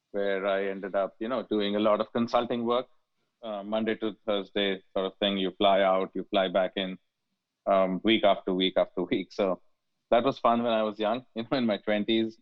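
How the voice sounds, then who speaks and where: A man's voice: on the low side, dry recording. A man in his forties from India, a guest talking casually in an interview, hesitant with many fillers and restarts. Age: 40s. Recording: dry, phone-like line.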